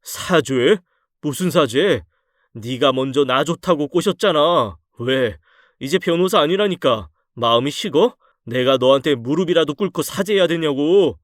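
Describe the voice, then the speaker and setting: A man's voice: a little high, animated, dry recording, studio quality. A man doing a sulky lying husband. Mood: belligerent. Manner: drawling, slow and sulky. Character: lying conman husband, sullen and defensive.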